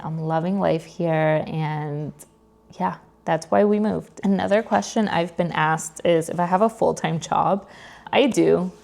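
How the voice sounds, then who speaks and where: A New York woman, a vlogger and content creator, chats casually to camera while sharing personal updates. Her deep voice is creaky and a little mellow.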